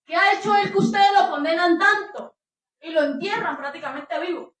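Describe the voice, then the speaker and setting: A woman's voice: extremely high pitch, normal speed, a bit bright. A woman playing a stern, pleading Roman governor. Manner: pleading, insistent questioning. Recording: echoey room, distant mic.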